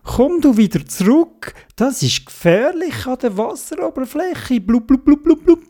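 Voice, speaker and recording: A brave little diver boy, as a storyteller puts him on, piping high above the storyteller's own voice and gurgling blub-blub bubbles as he swims. A soft, dark tone under the lively, sing-song lilt. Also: measured pace, full character voice. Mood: eager. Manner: makes bubbling blub-blub sounds and hushing psch noises.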